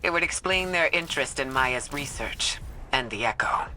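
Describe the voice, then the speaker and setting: An actor playing a serious strategist delivering a measured briefing in a video game. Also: medium pitch, lively intonation, sharp tone, slight background noise, low-quality recording. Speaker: game character. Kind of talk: video game cutscene dialogue.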